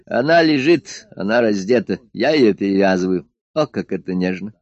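A man voicing a grandiose, boisterous madman who calls himself emperor, speaking in a drawn-out, exalted way. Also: on the low side, lively intonation, no room sound, lightly acted. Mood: grandiose, leering. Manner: leering, exalted, drawn-out slow speech. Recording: dull dry lo-fi studio recording.

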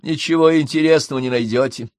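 Reader playing anxious defensive middle-aged son, loud and jumpy, dry mic. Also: male voice, a little high, fast, dry recording, pitched above the performer's own voice, natural voice. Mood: agitated.

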